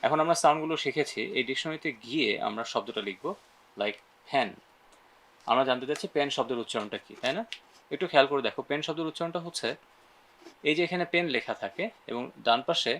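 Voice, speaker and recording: A man runs a pronunciation lesson, switching between Bengali and English. He leads repeat-after-me drills sound by sound and keeps checking in with his listeners. His pitch sits at a middle level for a man. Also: a bit bright. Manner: asks frequent "right?" check-ins.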